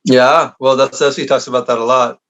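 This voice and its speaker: A man hosting a podcast interview, chiming in with short agreements and asking halting questions. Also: mid-range voice, flat delivery, a bit bright, low-quality recording. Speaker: podcast host.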